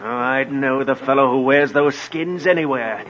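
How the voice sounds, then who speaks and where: An actor playing a gloating, blustering villainous medieval sheriff in theatrical 1950s radio drama style. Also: male voice, medium pitch, normal speed, a bit bright, natural voice. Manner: theatrical, crowing, old-fashioned speech. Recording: dull old radio recording.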